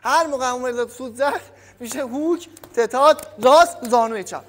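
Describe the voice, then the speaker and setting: A man from Iran with a cold, giving a casual, energetic boxing training tutorial to viewers he calls kids, recorded in a gym without a microphone. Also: very high-pitched. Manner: energetic, addresses viewers as kids, trails off quietly. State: has a cold. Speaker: boxing coach. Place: gym by a punching bag. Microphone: no microphone, camera audio. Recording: long echoey gym reverb.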